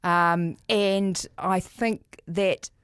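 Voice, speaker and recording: A woman's voice: on the low side, steady tone, extremely slow, clear, resonant tone, no room sound, clean studio sound. A woman in her fifties, a guest giving practical, encouraging advice in an interview and affirming the host often. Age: 50s. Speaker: divorce service founder, guest.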